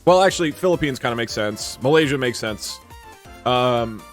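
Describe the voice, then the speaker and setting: Speaking at a moderate pace in a mid-range voice, this streamer chats casually over soft background music. Using a desk mic at his green screen setup, he rambles animatedly through viewer comments, often restarting and filling gaps.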